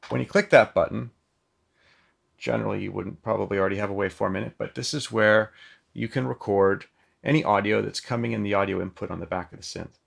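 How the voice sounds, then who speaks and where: This synth demonstrator speaks fast in a lowish, husky voice with vocal fry. He runs a casual product demo full of filler ums and loose phrasing, using a mic plugged straight into the synth.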